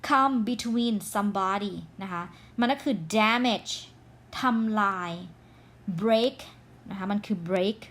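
A woman teaching English phrasal verbs in Thai with a Thai accent, reading English examples slowly and carefully. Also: a little high, fairly bright tone. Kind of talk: online grammar lesson.

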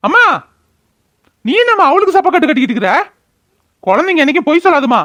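A man's voice: extremely high pitch, very animated, quick pace, fairly bright tone, no echo, lo-fi sound, full character voice. A voice actor playing a stern, fair-minded middle-aged brother who questions his sister, in a cartoon. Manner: firm, questioning. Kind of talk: cartoon voice acting.

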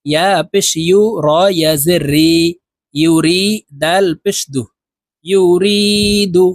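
A man with a high voice teaches Quran reading at a slow, unhurried pace, spelling each syllable out before he chants the whole word. The recording is dry and close, with no room sound. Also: fairly even intonation, no room sound. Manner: slow, deliberate letter-by-letter drilling, Arabic phrases drawn out. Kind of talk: spelling out Arabic syllables slowly, then chanting the words.

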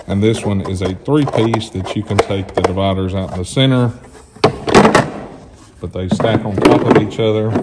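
A man's voice: on the low side, very noisy. A middle-aged man giving a casual walkthrough of his tool box in a large, bare shop building, explaining things plainly with a few fillers. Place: large empty shop building under construction, indoors. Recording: echoey empty shop with loud music behind.

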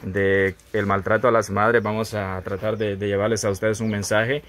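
Earnest low-voiced man giving a reflection. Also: little pitch movement, moderate pace, fairly bright tone. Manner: earnest, moralizing, tag questions. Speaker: host. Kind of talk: reflective talk to viewers.

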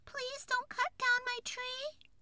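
A tiny pleading tree fairy. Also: female voice, little pitch movement, takes it slowly, background noise. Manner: high pleading voice. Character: timid gentle female tree fairy.

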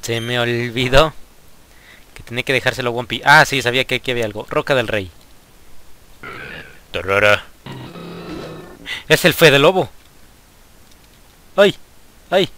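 A young gaming YouTuber with a Mexican Spanish accent does casual let's play commentary, talking to his viewers and excitedly exclaiming at the game often. His mid-pitched voice moves at a measured pace with frequent pauses and slight background noise.

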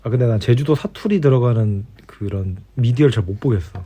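This bedtime conversation between spouses features a middle-aged man whose mid-range voice is mellow and slightly rough, moving fairly quickly. He rambles in an easygoing, casual way, much like a podcast host before bed, captured in a dull lo-fi home recording.

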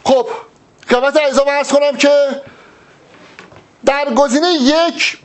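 A man's voice: very high-pitched, fairly even intonation. A man giving an exam-prep grammar lesson, explaining step by step and asking rhetorical questions that he answers himself. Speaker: teacher.

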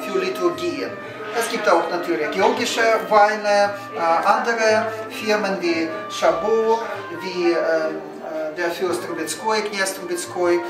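A man in his forties from Ukraine with a Ukrainian accent, guiding viewers through a restaurant, hesitant with many fillers and restarts. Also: high-pitched. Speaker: tour guide host. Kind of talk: guided restaurant tour. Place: indoor restaurant rooms. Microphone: camera mic from a few steps away. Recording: roomy restaurant with music behind.

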